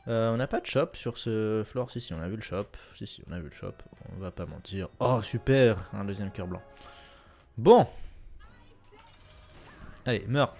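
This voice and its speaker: Young guy rambling over his game run, lowish voice, lots of ums, gets loud when excited. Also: moderate pace, faint music behind. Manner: chatty, self-correcting, lots of filler sounds, sudden excited bursts. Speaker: gameplay commentator. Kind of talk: casual let's-play commentary.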